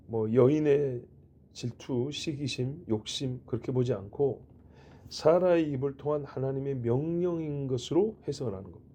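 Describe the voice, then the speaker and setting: A man's voice: medium pitch, mellow, slightly rough. A middle-aged male pastor giving a sermon in a conversational way, asking rhetorical questions and making joking asides. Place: church.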